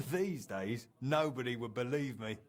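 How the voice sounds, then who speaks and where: In a video game, an actor voices a jovial, roguish tradesman of middle age who looks back on his wild youth, speaking in a colloquial, teasing way. His mid-range voice sounds close to everyday speech, expressive and a little slow.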